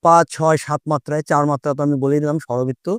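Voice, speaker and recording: A man with a fairly high, smooth voice teaches a lesson, explaining patiently and going back over each point. He breaks into short children's rhymes to show how they move. The sound is dry and close, with no room echo. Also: fairly even intonation, racing.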